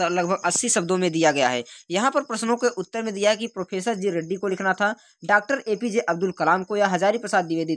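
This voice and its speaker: A teacher working through an exam paper, reading each question and then repeating the answer as a quick quiz. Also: medium pitch, fairly bright tone. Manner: unscripted, with restarts and filler sounds. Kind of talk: exam paper walkthrough lesson.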